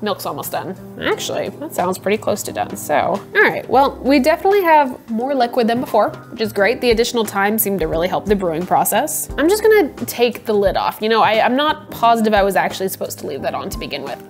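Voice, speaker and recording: A woman's voice: medium pitch, big pitch swings, fast talker, few pauses, faint music behind. A young woman in her twenties hosting a casual vlog, playful and chatty, often breaking into giggles. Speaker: coffee video host. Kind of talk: casual product-review vlog.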